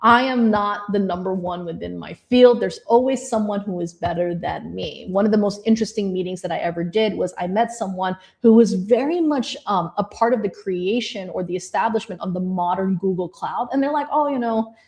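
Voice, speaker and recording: A woman who grew up in Indonesia talks through visa tips in an easygoing presentation. Her tone is friendly and encouraging, and she addresses listeners directly, at an ordinary middle pitch. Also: normal speed, hardly any pauses, darkish tone. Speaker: immigration advisor presenting to designers. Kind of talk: presentation talk.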